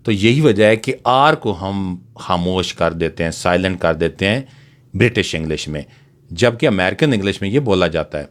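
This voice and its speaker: A man's voice: deep voice, lively intonation, moderate pace. A man teaching a language lesson, patiently explaining sounds and repeating example words one at a time. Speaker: English teacher.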